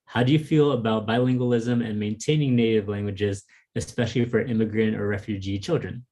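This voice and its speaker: In a casual video-call interview, a fellow author whose first language is Vietnamese speaks a little fast in a warm voice on the low side, with fairly even intonation. He comes across as thoughtful and often says "like" and "um."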